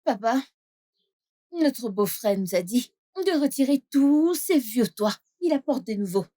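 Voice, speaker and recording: A woman's voice: a little high, animated, measured pace, dark tone. A woman voicing an eager daughter who orders a worker around and pleads with her father, in a dubbed film. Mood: bossy. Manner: bossy, pleading.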